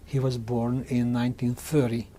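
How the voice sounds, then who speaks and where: A man in his sixties from Hungary, giving oral history testimony in a halting way, often restarting and repeating words. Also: medium pitch, flat delivery, warm tone, slight background noise. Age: 60s. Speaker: interviewee.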